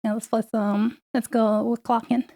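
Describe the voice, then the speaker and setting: Young woman, casual stream chatter, rambling and laughing, dry close sound, gravelly edge. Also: on the high side, level tone, moderate pace, warm tone, no room sound. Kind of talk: casual livestream chat.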